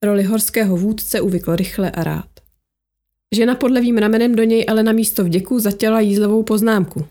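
A woman narrating an audiobook in a steady, measured storytelling manner. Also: medium pitch.

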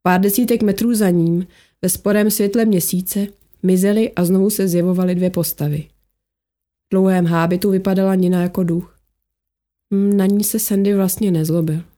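A woman narrating an audiobook in a steady, measured storytelling manner. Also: fairly low pitch.

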